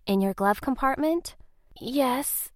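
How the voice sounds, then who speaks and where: A man voicing anxious teenage girls in a spooky storybook, raising his voice high and sounding worried. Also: lively intonation, slow, no echo, clean studio sound, full character voice.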